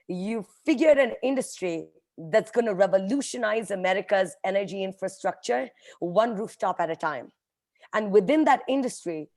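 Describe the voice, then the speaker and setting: A company vice president and native Hindi speaker joins an online group call as a guest speaker, giving a motivational talk to a team. Her mid-range voice has a darkish tone, and she speaks earnestly and emphatically, addressing the listeners directly as a team.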